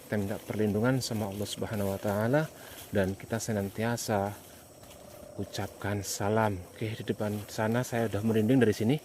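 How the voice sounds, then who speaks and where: A man hosts a casual night exploration vlog. He talks to his viewers in hesitant, repetitive phrases broken by pauses. He is outdoors, with insect noise behind him. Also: on the low side, fairly even intonation, darkish tone.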